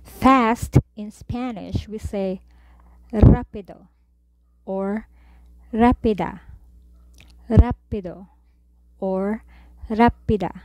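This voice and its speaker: Woman tutor, slow deliberate drills with each word repeated, dark mellow voice. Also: medium pitch, fairly even intonation, no echo. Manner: says each word, then repeats it slowly. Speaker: Spanish tutor. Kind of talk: slow vocabulary lesson.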